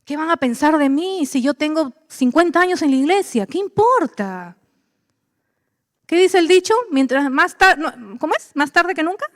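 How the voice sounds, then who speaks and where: High-voiced woman preaching a sermon. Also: no echo, clean studio sound, long reverb tail. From Peru. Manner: animated preaching, acting out voices of believers and God. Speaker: pastor.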